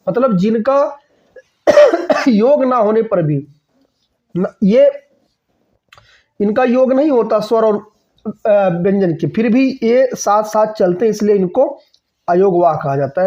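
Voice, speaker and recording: A man's voice: sits high, warm tone, highs cut off. A man teaching an exam-prep grammar lesson, repeating key points and checking in with his students often. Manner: asks and answers own questions.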